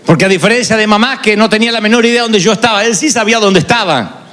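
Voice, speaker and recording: A man's voice: high-pitched, fast talker, fairly bright tone, big-room sound. A male pastor preaching a sermon, confessional and dramatic in his storytelling. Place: large church arena.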